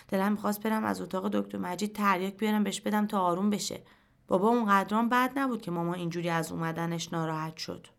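A woman reading a short story aloud in first person, in a quiet, measured storytelling voice. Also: medium pitch, vocal fry. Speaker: narrator. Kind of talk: scripted narration of a short story.

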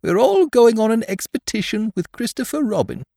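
Naive little bear, high voice, swooping intonation, eager, friendly, storybook character. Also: male voice, sing-song, normal speed, vocal fry, dark tone, no room sound, clean studio sound, heavily acted. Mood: eager, muddled. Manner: simple, eager, innocent. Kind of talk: children's storybook reading.

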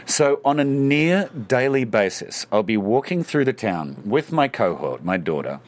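A man's voice: mid-range voice, measured pace. A man, an actor telling stories in a casual interview. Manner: animated anecdote teller. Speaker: actor guest.

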